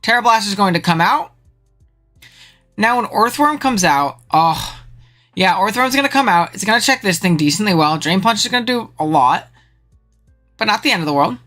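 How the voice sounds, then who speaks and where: A streamer giving casual live commentary on a game match, slangy and excitable, with the voice jumping high when thrilled.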